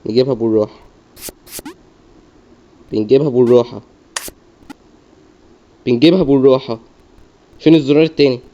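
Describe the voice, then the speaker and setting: Muttering the same self-coaching lines over and over, a young Egyptian Arabic–accented man narrates his gameplay. He speaks fairly quickly at medium pitch with a dark tone and long pauses, and the dull lo-fi mic picks up faint noise.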